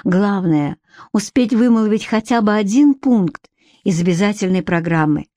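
Woman narrator, mellow tone, dry close read. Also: mid-range voice, animated, normal speed, no room sound. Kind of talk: audiobook narration.

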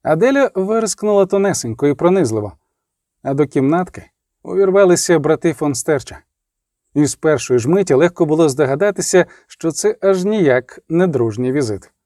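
A man narrating an audiobook in an expressive, vivid storytelling manner. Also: a little high, moderate pace, no room sound, clean studio sound.

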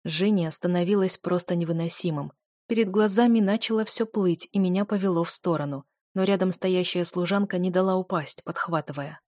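A woman's voice: lowish voice, fairly quick, darkish tone, no echo, clean studio sound. A woman narrating a fantasy novel aloud, with a dramatic and emotional delivery. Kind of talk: audiobook narration.

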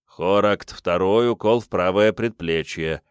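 A man's voice: deep voice, measured pace, clean tone, no echo, studio quality. A man voicing a gloomy male instructor who tersely calls out hits in a training duel. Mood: announcing. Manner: terse, formal calling of hits.

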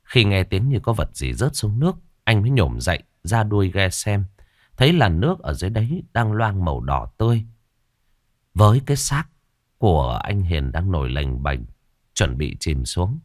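A man narrating an audio story in an expressive manner. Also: sits low, moderate pace, dry recording, clean studio sound.

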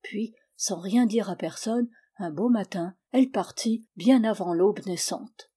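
Une femme qui lit un conte de fées d'une narration mesurée et expressive. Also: female voice, medium pitch, measured pace, breathy edge. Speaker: storyteller. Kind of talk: fairy tale reading.

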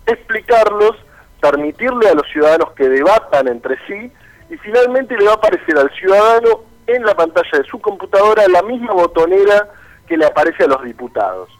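Over the phone in a radio interview, a political candidate with a Rioplatense Buenos Aires accent lays out his points articulately and persuasively. His voice sits high with lively intonation, he talks a little fast, and the audio is poor.

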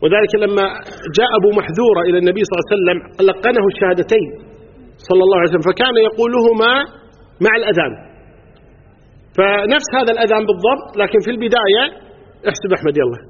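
A man with a Kuwaiti Arabic accent teaches religious law to a live class, explaining step by step, quizzing listeners and counting items aloud. His voice sits high, rapid-fire, with a breathy edge. The recording is dull and lo-fi, made in a reverberant hall.

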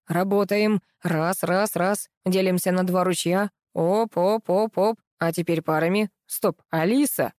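A woman's voice: fairly low pitch, fairly even intonation, measured pace, hardly any pauses, a little mellow, dry recording, lightly acted. Bossy male show director, barking orders, impatient, woman reader doing him, dry recording. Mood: commanding. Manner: barking commands.

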